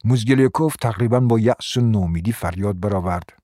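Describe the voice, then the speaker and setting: A low-voiced male narrator telling a radio drama in a measured, formal way. His voice sits close and dry, with no room sound. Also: dark tone, no room sound.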